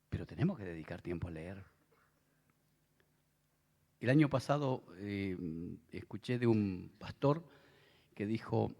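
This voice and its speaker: In a lowish, gravelly voice with a darkish tone, a middle-aged man with an Argentine Spanish accent preaches. The pastor keeps it conversational and adds asides to the audience, and the recording carries the long reverb of a big convention hall.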